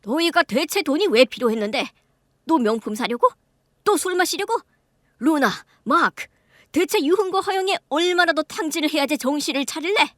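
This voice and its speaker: A woman voicing a stern, furious middle-aged father who shouts and scolds his grown children in a radio drama. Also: high voice, animated, normal speed, dry recording, clean studio sound, voice pushed up. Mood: contemptuous.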